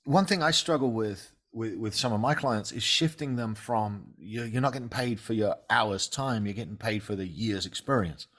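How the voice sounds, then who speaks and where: A lower-voiced man hosts a relaxed interview. He chats freely and keeps cutting in with questions and remarks of his own. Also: moderate pace, hardly any pauses. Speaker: podcast host, sales coach. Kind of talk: casual interview.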